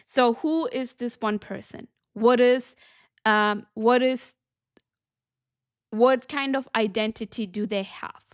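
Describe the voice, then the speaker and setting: Emphatic woman business coach, higher voice. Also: no room sound, clean studio sound. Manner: emphatic, keeps checking in with "okay?". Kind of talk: teaching a coaching lesson.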